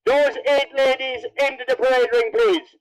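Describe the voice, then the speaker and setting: High-pitched Irish man, teasing event announcer. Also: fairly even intonation, moderate pace, poor audio. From Cavan, Ireland. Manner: jokey, teasing. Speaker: MC of a best dressed contest at horse races. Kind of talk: announcing and interviewing over a public address.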